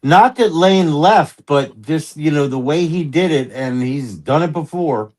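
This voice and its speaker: A man's voice: a little high, expressive, measured pace, a little mellow. A man chats about sports as a co-host. He delivers his points with dry, wry understatement. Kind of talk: casual sports chat.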